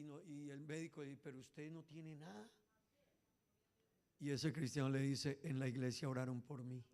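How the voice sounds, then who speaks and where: A man preaching a Pentecostal sermon with a Caribbean Spanish accent, who swings between hushed, low talk and loud, shouted passages while often calling his listeners "brother". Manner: keeps addressing listeners as "hermano".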